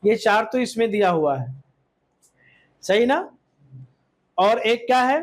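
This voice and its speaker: A man's voice: sits high, animated. A man teaching Islamic law to a class, quizzing the students and often checking that they agree, with English words mixed in. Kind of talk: classroom lesson with questions to students.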